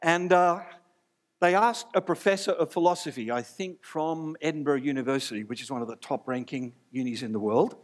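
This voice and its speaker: A male pastor delivers a sermon before his church congregation. His voice sits slightly high, and he keeps things chatty and light, joking with the room as he teaches. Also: fairly quick.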